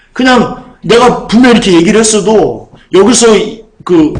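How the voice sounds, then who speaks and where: A man pastor preaching a sermon in a conversational way, repeating his phrases and putting questions to the congregation. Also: sits high. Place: church sanctuary. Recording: roomy church echo.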